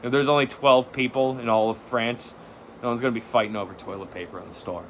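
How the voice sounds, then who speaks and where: A man's voice: medium pitch, fairly even intonation, fast, noisy background. A man in his thirties hosting a podcast, ranting in a profane, sardonic, rambling way and laughing at his own jokes. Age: 30s. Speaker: podcast host. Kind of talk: comedic rant.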